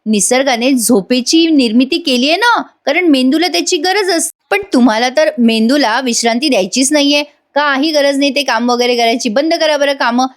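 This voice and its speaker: A woman voicing a young wife who gently scolds and teases her husband, in a recap voice-over. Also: high voice, fairly quick, hardly any pauses, pitched above the performer's own voice, close to an everyday voice. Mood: teasing. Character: young wife, sweetly lecturing. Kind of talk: recap voice-over reading of a soap scene.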